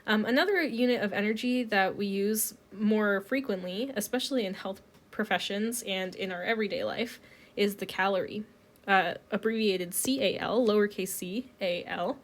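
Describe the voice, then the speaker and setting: A woman getting past a cold gives a recorded chemistry lesson at a moderate pace, her voice sitting in the mid range. She is easygoing, walking through the steps and saying um often.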